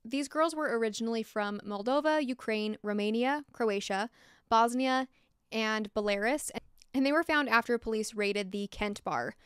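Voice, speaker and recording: A young American woman's slightly high, a bit bright voice narrates a scripted true-crime tale at normal speed, full of candid and opinionated asides. The tone is clear and resonant with no echo, captured close on a desktop mic in a small log-walled room.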